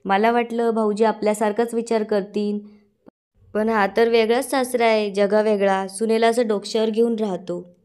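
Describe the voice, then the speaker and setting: A woman voicing a scheming, sharp-tongued middle-aged aunt with a bossy, scolding manner. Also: medium pitch, little pitch movement, moderate pace, smooth, natural voice.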